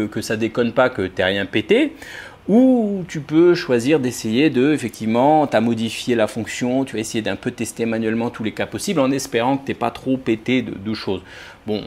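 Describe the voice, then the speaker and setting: A man's voice: medium pitch, darkish tone. Casual, joking French-speaking developer man. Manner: informal, addresses viewer as "tu", frequent restarts and hesitations; jokey, sarcastic asides. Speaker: software developer explaining testing. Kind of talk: casual explainer vlog.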